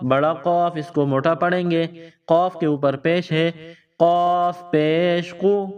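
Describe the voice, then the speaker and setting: Patient teacher man, slow syllable drills. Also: on the high side. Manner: patient, drills each syllable slowly twice. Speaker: Quran reading teacher. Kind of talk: slow spelled-out recitation lesson for kids. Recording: dull lo-fi sound from a distance.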